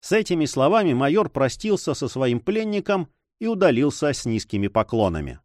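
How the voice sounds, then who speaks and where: A man reading a novel aloud as an audiobook narrator in an even storytelling manner. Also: on the high side, fairly quick, dry recording, clean studio sound. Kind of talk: scripted narration.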